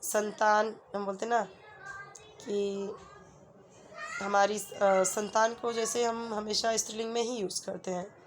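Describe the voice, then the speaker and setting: Woman tutor, flat even delivery, patient and repetitive, faint room noise. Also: medium pitch, takes it slowly, long pauses. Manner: patient, repeats "ठीक है" often, gives everyday example sentences. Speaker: teacher. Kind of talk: explaining a Hindi workbook lesson to students.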